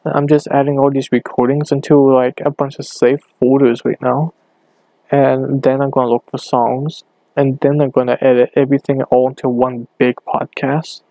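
Low, gravelly young man rambling quietly. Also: flat delivery, normal speed, dry recording. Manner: rambling, hesitant, speaking low. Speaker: podcast host. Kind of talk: casual solo podcast. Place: bedroom at home. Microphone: hand cupped over the mic.

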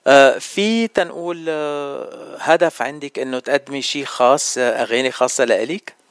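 A man's voice: medium pitch, normal speed, smooth, dry recording, studio quality. A man with a Lebanese Arabic accent hosting a radio interview. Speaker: radio host.

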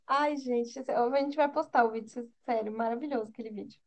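A young Brazilian woman with a Brazilian accent chats casually as a podcast co-host, in a bubbly, girly, slangy and expressive way. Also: fairly high pitch, brisk. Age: young adult. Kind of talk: casual chat between friends.

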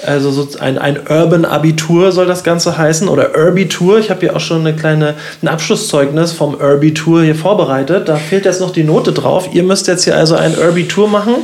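A man's voice: a little high, brisk, hardly any pauses, darkish tone. A man hosting a casual talk show, chatty and playful, quizzing his guests with many fillers. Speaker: podcast host. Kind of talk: casual interview chat.

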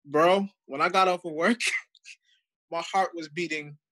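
A man's voice: on the high side, fairly even intonation, slow pace, fairly bright tone. A young man co-hosting a casual podcast chat, telling a story with laughter and acting out what others said. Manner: laughing storyteller who acts out quotes. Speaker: podcast co-host.

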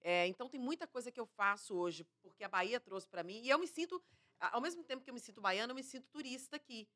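Quick bright-voiced mineira woman. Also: fairly high pitch. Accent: mineiro Brazilian Portuguese. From Minas Gerais, Brazil. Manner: lively, chatty, fond of slang. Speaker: journalist guest. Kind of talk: casual talk-show interview.

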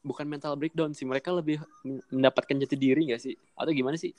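A man's voice: on the high side, fairly even intonation, fast, darkish tone. Young Indonesian man hosting a casual podcast. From Medan, Indonesia. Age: young adult. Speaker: podcast host. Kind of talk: casual chat. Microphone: online call.

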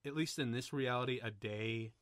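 A man co-hosting a podcast, chatting casually about a movie in an excitable, rambling way with plenty of swearing. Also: mid-range voice, moderate pace, no echo. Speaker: podcast co-host. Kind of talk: casual movie commentary chat.

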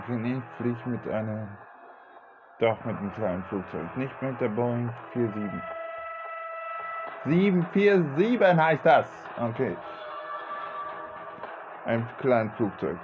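A man narrating a homemade radio-play story, switching between narration and the characters' lines without strongly changing his voice. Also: medium pitch. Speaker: hobby storyteller voicing every character. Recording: dull lo-fi home recording.

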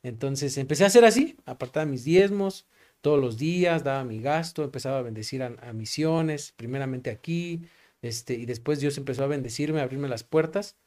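In this interview, a young Mexican-accented pastor gives an earnest testimony in a mellow, medium-pitched voice at a slightly fast pace. Fillers such as "este" and "¿no?" come up often, and he plays both parts when recounting past conversations.

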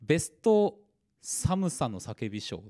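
A man co-hosting a casual chat show, telling animated stories and acting out people's shouts. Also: fairly high pitch, a little slow. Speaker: podcast co-host.

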